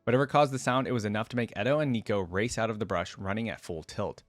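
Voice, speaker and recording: A lowish male voice reads a story fast, and he's quick to add casual, slangy asides as host of a game lore reaction video. There's no room sound.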